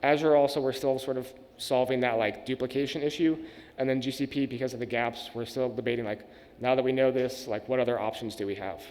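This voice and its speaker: A man's voice: mid-range voice, steady tone, a little mellow. Casual man presenting in a reverberant hall. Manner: casual, quick, uses "like" and "sort of" often. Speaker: conference speaker. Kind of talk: technical talk and Q&A. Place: conference hall.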